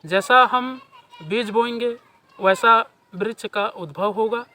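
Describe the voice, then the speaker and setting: A man's voice: high-pitched, slow, pushed and bright. A man from India giving a devotional sermon and addressing his listeners with emphatic, declaiming delivery. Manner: emphatic, declamatory delivery with long lists of reverent epithets. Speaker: spiritual speaker. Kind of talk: devotional sermon with mantra chanting.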